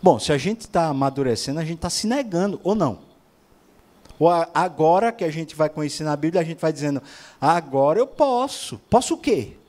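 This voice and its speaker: A man's voice: fairly high pitch, lively intonation, brisk, a little mellow. A man preaching a sermon, asking rhetorical questions and acting out other people's voices.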